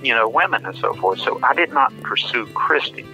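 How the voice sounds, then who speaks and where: A man's voice: mid-range voice, expressive, moderate pace, pushed and bright, soft background music, rough recording. A man, earnestly telling a story in a casual, shy way. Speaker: interviewee, husband.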